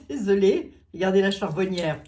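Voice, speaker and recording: A woman's voice: medium pitch, lively intonation, unhurried, darkish tone. A middle-aged woman chatting casually to her viewers as she unboxes gifts, thinking aloud with many fillers and repeated words. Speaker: psychic channel host opening gifts.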